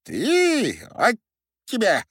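Tiny drunk miller, shrill, yelling, very high, swinging pitch. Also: male voice, wildly swooping pitch, drawn-out words, husky, no room sound, studio quality, full character voice. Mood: rowdy.

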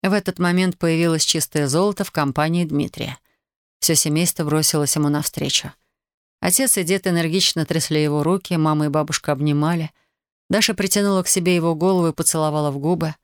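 A reader narrating a novel in an even, measured way, close to the mic. The sound is dry and dead, with no room around it. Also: medium pitch, clear, resonant tone, no room sound. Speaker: audiobook reader. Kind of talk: scripted literary narration.

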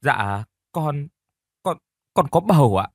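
A man's voice: mid-range voice, sing-song, brisk, slightly rough, no room sound, clean studio sound. A man voicing a young woman niece who argues back and then pleads in a told story. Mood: pleading. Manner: pleading, defiant, sobbing speech.

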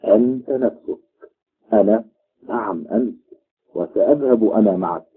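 A man voicing a cunning trickster god who speaks calmly and deliberately, on a tinny, phone-like recording. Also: on the low side, husky. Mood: sly. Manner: calm and measured.

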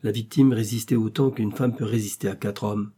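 A man narrating a classic novel as an audiobook in a measured, steady storytelling manner. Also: fairly low pitch, breathy edge. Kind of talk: scripted literary narration.

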